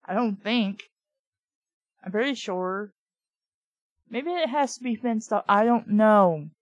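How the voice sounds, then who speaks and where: Reading a children's book slowly in a dry recording, this host has a medium-pitched voice with lively intonation. Her running commentary is offhand and blunt, frequently disbelieving and sweary, as she reviews the story.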